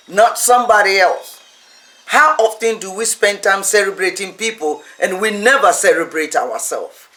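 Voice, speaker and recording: Male preacher for a teaching sermon: high voice, unhurried delivery, emphatic repeated phrases. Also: bright, forceful tone, poor audio.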